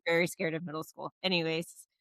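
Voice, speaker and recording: A woman in her thirties hosting a podcast, chatty and effusive, quick to encourage her guest. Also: deep voice, little pitch movement, fairly bright tone, no echo, clean studio sound. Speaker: podcast host. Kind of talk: casual conversational interview.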